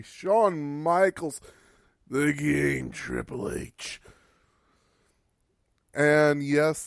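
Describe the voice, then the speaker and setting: A man's voice: mid-range voice, clear, resonant tone, dry recording, clean studio sound. A man hosting a podcast, giving a casual, wry recap of old wrestling matches and swearing for laughs. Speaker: podcast host.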